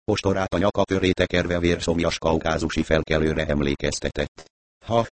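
A man reading an audiobook in a steady, measured narration on a close mic. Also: very deep voice, dry recording.

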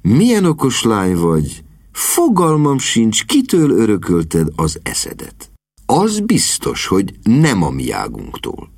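A man's voice: on the low side, wildly swooping pitch, vocal fry, darkish tone, slightly rough, dry recording, studio quality, pitched above the performer's own voice, full character voice. A man voicing a vague, peevish elderly lord in an audiobook reading. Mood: fond. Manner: peevish, fussy.

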